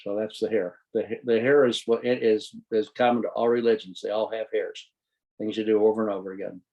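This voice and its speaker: Man, interview guest, low pitch, gravelly, rambling explanations. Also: little pitch movement, fairly quick, lo-fi sound. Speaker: guest, tracking student. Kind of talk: storytelling and reflective talk.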